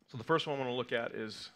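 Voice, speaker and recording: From a lectern in a mid-size sanctuary hall, a man in his thirties walks a congregation through the weekly Torah portion. His voice is mid-range and fairly bright. Though Hebrew isn't his first language, he explains terms patiently, sprinkling in fillers and frequent "okay?" check-ins.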